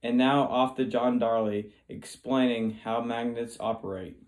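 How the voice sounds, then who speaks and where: A man presenting a science show as its host, with a bright, upbeat, curious manner. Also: medium pitch, level tone, unhurried, low-quality recording.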